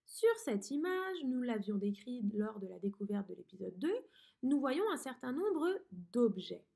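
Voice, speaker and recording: A woman teaching a dictation lesson to a young pupil, pronouncing each word slowly and clearly. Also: fairly high pitch, sing-song, a little mellow. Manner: slow, clearly articulated teacher talk to a child. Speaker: primary school teacher.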